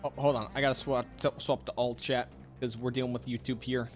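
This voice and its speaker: A man's voice: mid-range voice, little pitch movement, a little fast, music in the background. A man livestreaming a video game, chatting casually, thinking aloud and swearing in slang as he plays. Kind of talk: casual live gaming commentary.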